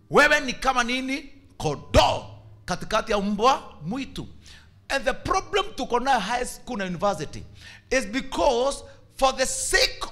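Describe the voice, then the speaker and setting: Bishop preaching, animated and gravelly. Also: male voice, very high-pitched. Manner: animated preaching, mixing Swahili and English. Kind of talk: sermon.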